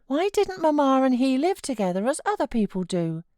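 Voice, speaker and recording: High, plaintive British little boy, acted by a woman. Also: very animated, brisk, a little mellow, no echo, clean studio sound. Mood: perplexed, anxious. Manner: plaintive, questioning, childlike. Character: sickly, fretful young boy, anxious and obstinate. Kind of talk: audiobook character voice.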